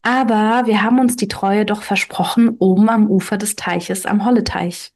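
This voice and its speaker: An earnest young man, faithful and bewildered, asking one question after another, as a woman voices him in a storybook. His voice sits slightly higher and stays near the reader's own. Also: fairly even intonation, moderate pace, a little mellow, close to an everyday voice. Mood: puzzled.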